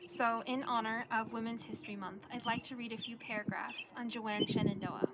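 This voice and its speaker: A young adult woman with a rather high, level voice reads a prepared essay aloud, like a student presenting her work. Her delivery is earnest and measured, with noticeable ambient noise in the background.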